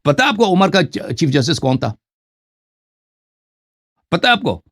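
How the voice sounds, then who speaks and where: A man's voice: a little high, big pitch swings, a bit bright. A man arguing insistently in a heated debate, lecturing and cutting in.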